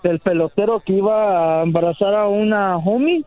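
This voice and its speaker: Hesitant guy calling in, highish voice, kinda dull phone line sound. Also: dry recording. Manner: hesitant, halting. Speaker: caller.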